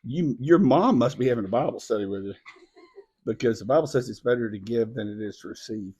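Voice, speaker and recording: Husky-voiced middle-aged man, playful. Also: mid-range voice, a little fast. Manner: playful and teasing, dropping to a soft hushed voice. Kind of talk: casual live video chat with a child.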